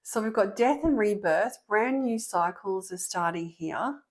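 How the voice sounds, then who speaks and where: A woman giving a tarot reading to an online audience. She talks earnestly and excitably, with frequent ums and restarts. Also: medium pitch, measured pace. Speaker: tarot reader.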